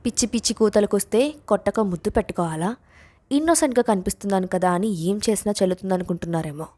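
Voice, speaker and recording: A woman reading a story voices a fierce, short-tempered young college woman who shouts angrily. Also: medium pitch, quick pace, close to an everyday voice. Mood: angry. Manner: angry shouting.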